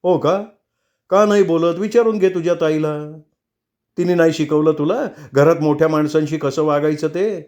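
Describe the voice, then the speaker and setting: A man's voice: sits high, fairly quick, pitched above the performer's own voice, natural voice. A man reading aloud and voicing an angry, stubborn young husband in a storybook reading. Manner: sharp and raised in anger.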